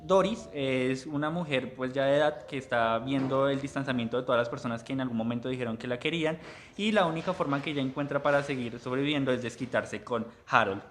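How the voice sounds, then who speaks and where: A man's voice: mid-range voice, fast, a bit bright, soft background music. A man presenting a book at a literary café, talking in a hesitant way and often correcting himself. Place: public library.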